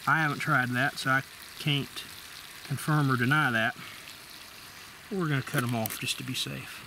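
A middle-aged man with a drawl explains each step in a plain, folksy way. His voice sits at an ordinary pitch. A water pump hums clearly behind him at an outdoor camp. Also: steady tone, normal speed, bright, forceful tone, poor audio. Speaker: outdoor survival vlogger. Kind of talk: casual how-to demonstration. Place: outdoor camp table in the woods. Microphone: camera mounted overhead. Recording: water pump noise in background.

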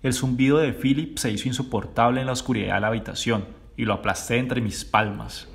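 A man reading poetry in a steady, measured recital. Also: medium pitch, creaky.

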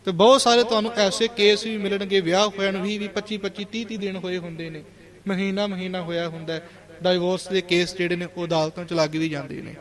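A man preaching a sermon, explaining scripture in an earnest, teaching manner and slowing down to recite verses. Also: sits high, little pitch movement. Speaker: Sikh preacher.

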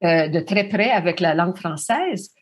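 A woman's voice: fairly low pitch, lively intonation, moderate pace. Franco-Manitoban woman panelist. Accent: Franco-Manitoban French. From Manitoba, Canada. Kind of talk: panel discussion.

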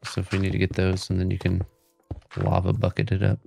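A man's voice: low-pitched, completely flat delivery, fairly quick, vocal fry, a little mellow, soft background music. A young man taking part in a casual gaming chat with friends, laid-back and making dry remarks.

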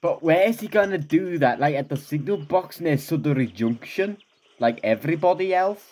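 A man's voice: a little high, lively intonation, normal speed, darkish tone. A man chatting casually and playfully, teasing a friend as he records him. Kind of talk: casual chat.

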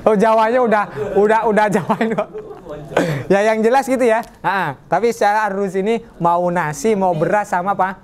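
A man's voice: sits high, a little fast. A man teaching an Arabic class in a mosque, joking with his students and quizzing them as he goes. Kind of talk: classroom lesson.

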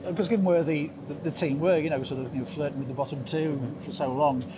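A man's voice: fairly high pitch, fairly even intonation, fast talker, background noise. A man interviewing a player after a match for the club, asking leading questions filled with "you know".

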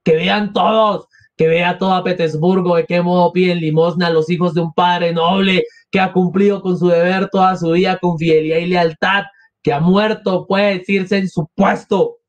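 A man voicing a frantic, consumptive noble mother, shrill and breathless. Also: little pitch movement, moderate pace, dull audio. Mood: bitter.

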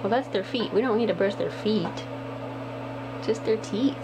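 A woman's voice: mid-range voice, normal speed, noisy background. A woman at home coaxing her toddler to brush his teeth, filmed on a handheld camera in a small bathroom. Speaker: mother, co-vlogger. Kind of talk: casual home vlog.

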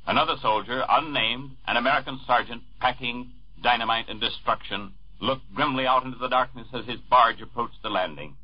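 Husky newscaster on an old 1940s radio broadcast. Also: male voice, medium pitch. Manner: formal, measured news reading. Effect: old 1940s radio broadcast recording. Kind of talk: 1940s radio news bulletin. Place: network radio studio. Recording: dull lo-fi 1940s radio archive.

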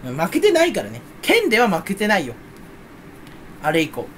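A young man talks on his own in a rambling, playful way, teasing himself as he goes. His voice sits high and swings widely in pitch. A faint ambient hum runs under the recording. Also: huge pitch swings, fairly quick, fairly bright tone. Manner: rambling, playful, self-mocking; mock Kansai dialect in quoted bits. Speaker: streamer. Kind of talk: solo casual chat.

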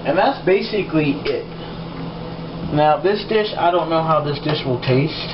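A man films himself at the stove for a casual cooking vlog, rambling slowly and hesitating through fillers. His voice sits a little high. The sound comes from a camera mic in an echoey home kitchen, dull and noisy. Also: animated. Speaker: cooking vlogger.

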